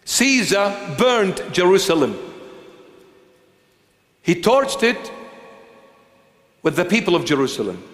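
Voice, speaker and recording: Man preaching slow and dramatic, high-ish voice, lots of hall echo. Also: big pitch swings, fairly bright tone. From Australia. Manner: dramatic, swinging from pleading to stern. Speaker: bishop. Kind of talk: sermon. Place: large church hall. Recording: roomy hall with long reverb.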